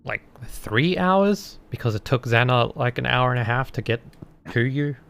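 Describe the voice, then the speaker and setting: A man casually narrating a tabletop game as game master, pausing often to think. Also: medium pitch, expressive, gravelly, a bit bright.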